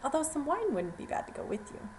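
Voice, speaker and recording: A woman's voice: sits high, big pitch swings, quick pace, darkish tone, slight background noise, pitched above the performer's own voice, rough recording. A woman voicing a big, hungry male lion who speaks in a proud, dismissive way in a storytelling performance. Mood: scornful.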